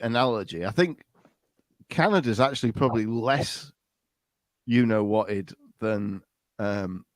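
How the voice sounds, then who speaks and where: A man with a fairly low voice hosts a casual podcast chat. He rambles and restarts his sentences often. The sound is dry and close, with no room around it. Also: measured pace, long pauses, no room sound. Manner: rambling, hesitant, with frequent restarts. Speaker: podcast host.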